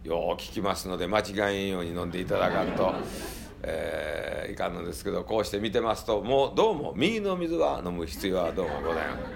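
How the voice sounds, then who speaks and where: A man's voice: low-pitched, lively intonation, fast, vocal fry, noisy background. Kansai monk guy, folksy and joking with the tour group, voice goes up and down a lot. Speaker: temple monk. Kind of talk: humorous talk to a tour group.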